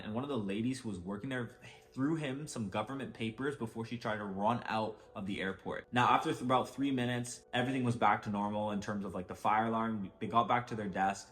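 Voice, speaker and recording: A young man telling a travel story in casual storytime narration, conversational and full of filler words. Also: on the low side. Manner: conversational, with frequent "like" and "basically".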